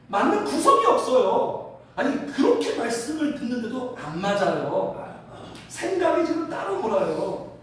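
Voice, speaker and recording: A male pastor preaching a sermon in a church, animated and asking the congregation rhetorical questions. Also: very high voice, slight background noise. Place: church sanctuary. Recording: very echoey hall from a distance.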